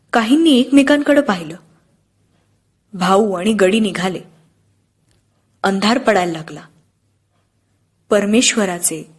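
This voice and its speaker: A woman narrating an audiobook in a steady, expressive storytelling manner. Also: mid-range voice, slightly rough.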